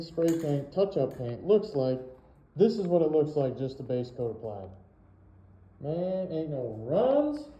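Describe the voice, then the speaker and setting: A DIY vlogger with a high, mellow voice chats casually through a respirator mask while spray painting in his home shed, showing how the job is done. The recording is muffled and the room echoes, and his shop talk is laid-back and enthusiastic.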